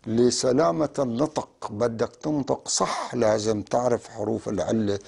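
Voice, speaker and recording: A man teaching a language lesson, spelling out sounds slowly and deliberately. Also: medium pitch, vocal fry, a little mellow, slightly rough. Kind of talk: classroom lesson.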